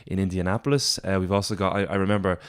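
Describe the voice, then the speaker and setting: An Irish man in casual podcast chat with his band, his voice sitting low with a clear, smooth tone. He rambles along unhurried, restarting sentences and filling gaps as he goes. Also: fairly even intonation. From Ireland. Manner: rambling, laid-back, lots of fillers and restarts. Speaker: podcast co-host, band member. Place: at a table with bandmates.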